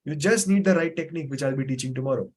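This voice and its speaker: Racing along at a medium pitch, a man with a slightly mellow voice teaches memory techniques in a live online class via video call. He is patient, repeats his points and leans on frequent fillers.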